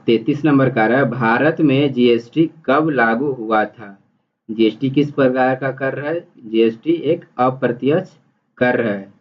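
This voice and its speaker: In dull, muffled lo-fi audio, a man with a medium-pitched voice teaches exam prep at a measured pace. He reads out multiple-choice questions and explains the answers in an instructional, repetitive way.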